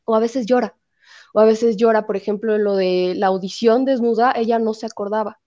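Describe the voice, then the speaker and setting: A woman speaks as an interview guest, telling her story emphatically and slipping into other people's voices for quotes. Her voice sits a little high, and the recording is slightly muffled and lo-fi. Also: fairly even intonation, a little fast, mellow.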